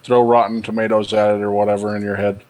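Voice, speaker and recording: A man's voice: lowish voice, level tone, fast, a little mellow. A man improvising narration as game master of a tabletop game in a casual style.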